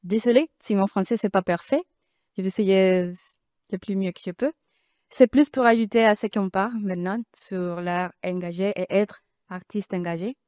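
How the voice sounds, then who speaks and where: A woman's voice: mid-range voice, normal speed, darkish tone, dry recording, clean studio sound. A woman with a foreign, Dominican Spanish accent in French, a native Spanish speaker, making unscripted forum remarks in hesitant French. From Dominican Republic. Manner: hesitant, non-fluent French. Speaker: artist and art student, audience speaker.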